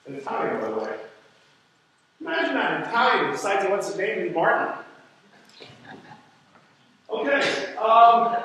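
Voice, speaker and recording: Slow-talking pastor in a very echoey church. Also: male voice, high voice, fairly bright tone, slight background noise. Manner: digressive, with wry asides and rhetorical questions. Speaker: pastor teaching a church history class. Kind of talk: conversational lecture. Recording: very echoey room, voice far from the mic.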